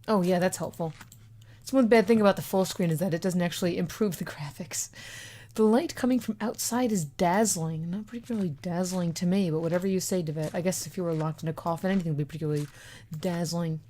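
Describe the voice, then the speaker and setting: A woman's voice: fairly low pitch, steady tone, quick pace, dark tone. A young woman giving chatty, sarcastic commentary while playing a video game. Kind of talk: casual let's-play commentary.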